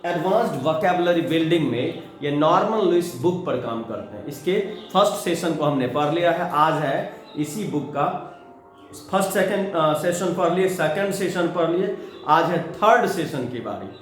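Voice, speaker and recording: High-voiced Indian man teaching vocabulary. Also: lively intonation. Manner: slow drawn-out word spelling. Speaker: English teacher. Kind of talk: vocabulary lesson. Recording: very echoey room with faint music.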